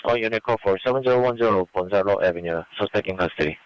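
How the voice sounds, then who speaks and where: A man's voice: lowish voice, rapid-fire, clear, resonant tone, no echo. A man as a police radio dispatcher, making clipped procedural announcements over a lo-fi radio.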